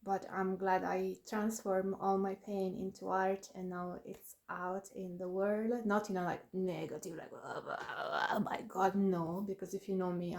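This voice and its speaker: Woman vlogger, warm mellow voice, chatty and laughing, talking about her book. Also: lowish voice, creaky. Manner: chatty, laughs often, self-deprecating asides. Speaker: author presenting her book. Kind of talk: casual talk to camera.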